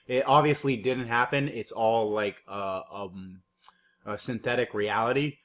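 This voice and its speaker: A man's voice: medium pitch, measured pace, a bit bright. A man doing a mocking, rambling reaction commentary over news clips, cursing and heavy on fillers. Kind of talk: profane sarcastic reaction commentary.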